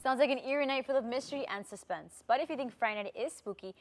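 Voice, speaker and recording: Fast-talking teen girl news anchor. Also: high-pitched, over loud music. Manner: bright, playful delivery. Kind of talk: scripted school news reading.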